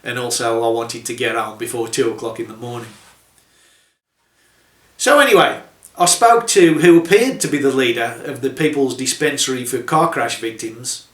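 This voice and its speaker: Wry trucker with a bright voice. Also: male voice, mid-range voice, normal speed, echoey room. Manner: dry, sardonic humour with chuckles. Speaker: truck driver telling stories. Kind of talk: casual anecdotal storytelling.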